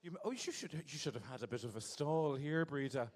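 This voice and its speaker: A slightly high, animated and brisk male voice belongs to the host of a live show. He does playful, camp crowd work into a handheld mic, and the large hall adds echo.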